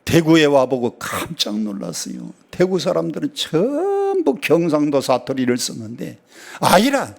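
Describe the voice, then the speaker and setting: Man, pastor, sermon in a church, animated storytelling, playful dialect jokes. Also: unhurried, vocal fry. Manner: lively storytelling with sudden high exclamations and dialect jokes. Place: church sanctuary.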